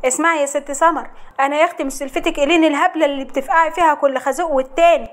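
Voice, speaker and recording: A woman voicing a sharp-tongued Egyptian daughter-in-law who mocks her rival. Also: high voice, fairly even intonation, rapid-fire, lightly acted. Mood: threatening. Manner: mocking, tart.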